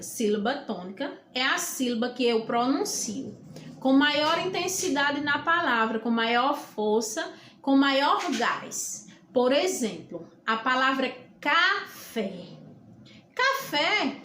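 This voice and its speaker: A Brazilian woman teacher with a high voice walks her pupils through the lesson at an unhurried, careful pace, spelling out endings one letter at a time. She sounds like she is in a roomy, echoing space, with a faint hum behind her. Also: a bit bright. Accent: Brazilian Portuguese. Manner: slow, deliberate, spells out word endings letter by letter. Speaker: school teacher. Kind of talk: recorded classroom lesson.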